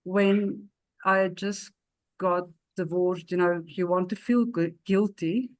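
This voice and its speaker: Slow, measured woman sharing experience. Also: fairly low pitch, steady tone, no echo. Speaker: guest. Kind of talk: casual conversational sharing.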